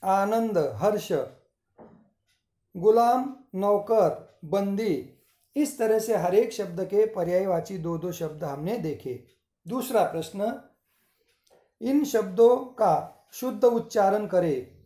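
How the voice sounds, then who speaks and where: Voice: mid-range voice, expressive, slow pace, dark tone, echoey room. A school teacher giving a recorded Hindi grammar lesson, reading word lists aloud one by one and adding short English glosses. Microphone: screen-recording voice-over.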